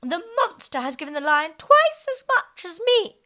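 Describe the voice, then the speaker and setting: A woman voicing an excitable, boastful male unicorn who talks in shrill, eager cries. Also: slow, full character voice.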